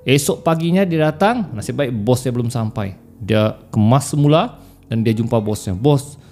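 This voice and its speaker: A man's voice: mid-range voice, moderate pace. A man hosting a horror story podcast, telling the tale casually and acting out the characters' cries. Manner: animated, acts out voices and cries in the telling.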